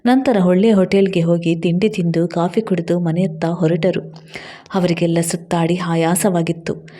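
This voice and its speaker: A woman narrating a story in an even, measured reading voice. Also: fairly low pitch.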